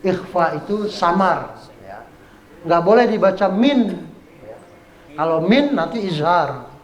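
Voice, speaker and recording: Slow-talking male religious teacher, echoey. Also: a little high, big pitch swings. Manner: patient, repeats examples slowly, chants verses. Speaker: Islamic teacher. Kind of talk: Quran recitation lesson. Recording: echoey room with faint ambience.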